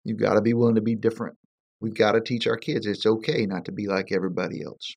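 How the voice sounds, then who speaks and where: A man speaks as a pastor, with a lowish voice and a quick pace. His delivery is direct and exhorting. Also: level tone, creaky, darkish tone, husky.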